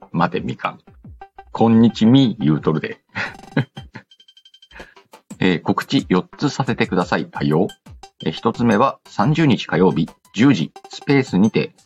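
In lo-fi audio, a man with a lowish voice reads listener messages on his casual audio show. He tosses in playful jokes and comebacks in response to the letters.

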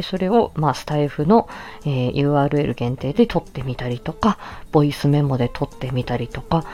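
The recording has a lo-fi sound, carrying a woman's low, mellow voice. She hosts a laid-back solo audio stream and keeps up a friendly, polite, explanatory patter, being both a host and an amateur voice actress.

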